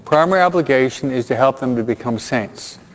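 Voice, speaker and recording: A man's voice: mid-range voice, animated, brisk, slight background noise. A man preaching a sermon in a chatty way, often checking in with his listeners and dropping Spanish words into his English. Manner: conversational, keeps checking in with the listeners. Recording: dull sound with long hall reverb.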